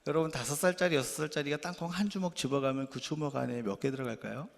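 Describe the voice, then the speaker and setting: Animated pastor in an echoing church. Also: male voice, a little high, quick pace, vocal fry. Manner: animated, swings between quiet asides and loud emphatic bursts; candid, self-deprecating confession. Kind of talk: storytelling sermon.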